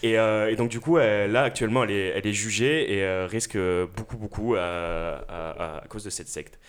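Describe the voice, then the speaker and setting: A young man in his twenties chatting casually as a radio co-host, halting and filling gaps with hesitation sounds. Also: fairly low pitch, clear, resonant tone. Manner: halting, with many filler sounds and restarts. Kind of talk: casual chat.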